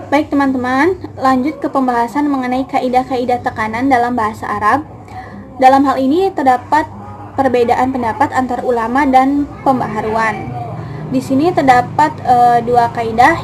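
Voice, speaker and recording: A young female student presents to her class in a voice that sits high, explaining things steadily and addressing her classmates with small fillers along the way.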